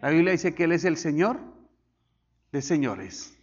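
A male pastor preaching a sermon, swinging from loud declarations to hushed asides and having the congregation repeat after him. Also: a little high, sing-song, measured pace, slightly rough, lo-fi sound.

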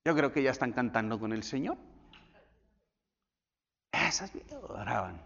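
A male pastor telling stories in a sermon, swinging from loud, high bursts to hushed, near-whispered lines. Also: a little slow, creaky. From Colombia. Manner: animated storytelling with sudden drops to near whisper. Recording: dull echoey church hall.

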